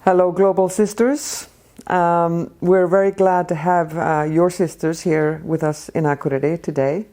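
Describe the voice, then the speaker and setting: Icelandic lady in her 50s, mellow dark voice, lots of ums. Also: on the low side, steady tone. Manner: measured, frequent ums and restarts. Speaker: guest, Arctic policy expert. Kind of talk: casual interview talk.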